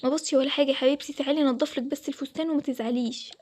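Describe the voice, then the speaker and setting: A woman's voice: high-pitched, fairly even intonation, very fast, darkish tone, slight background noise, lightly acted. A woman voicing a caring mother who comforts her daughter, with an Egyptian accent. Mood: comforting. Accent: Egyptian Arabic.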